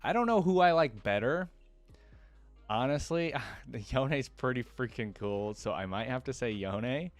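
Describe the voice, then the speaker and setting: Faint music plays behind a reaction channel host whose medium-pitched voice has lively intonation and an unhurried pace. He chats to camera informally and enthusiastically, rambling through his commentary as he thinks aloud.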